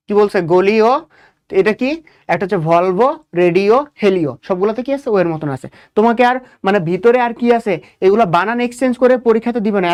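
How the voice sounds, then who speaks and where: A man's voice: high-pitched, darkish tone, clean tone. A young man giving an exam coaching lecture on biology. He asks the class questions, answers them himself, and repeats key points. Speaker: biology teacher.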